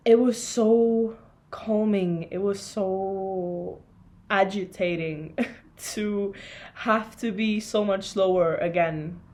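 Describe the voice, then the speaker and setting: A young woman from Estonia talking to a camera in a casual, reflective vlog, soft and searching, with many pauses. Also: lowish voice. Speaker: vlogger.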